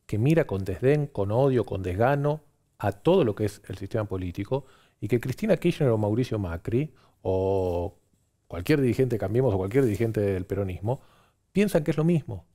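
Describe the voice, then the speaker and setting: A man's voice: medium pitch, dark tone. A man with an Argentine accent, a pollster guest giving fluent political analysis on TV and listing his points one after another.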